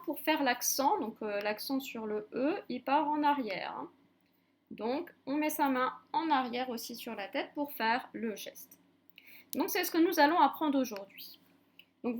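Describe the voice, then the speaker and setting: A woman teacher giving a recorded reading lesson to young children, patiently spelling out letters one by one. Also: high voice. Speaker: primary school teacher.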